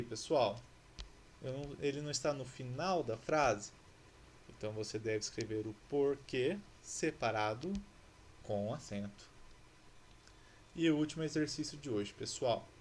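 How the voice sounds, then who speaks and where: A man's voice: medium pitch, a little hiss or hum. A male teacher from Brazil talking through exercises in a recorded lesson, patiently explaining and asking rhetorical questions.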